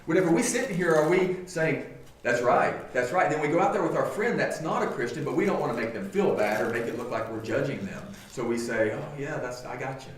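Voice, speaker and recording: A man preaches to his congregation in an earnest, conversational way, leaning on rhetorical questions. His pitch climbs and falls with real liveliness and sits a touch high. He is caught from some distance in a very echoey church hall. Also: lively intonation, quick pace, hardly any pauses. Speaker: pastor. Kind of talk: sermon. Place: church sanctuary.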